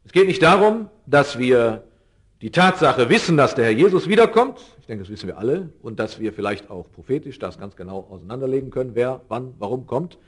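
A middle-aged man preaches a sermon with earnest conviction. His pitch and loudness rise on key phrases and sink low at the ends of sentences. He slows down to stress important words. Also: sing-song.

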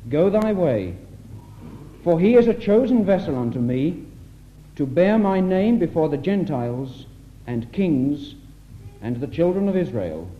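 This old 1960s tape, muffled and faintly hissing, captures a man reading scripture solemnly at a church gathering. He speaks somewhat slowly, with a fairly high pitch and a great deal of animation.

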